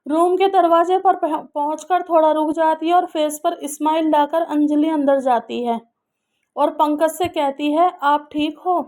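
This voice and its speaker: A woman's voice: high-pitched, steady tone, measured pace, a little mellow. A woman narrating an emotional love story in a sorrowful storytelling manner.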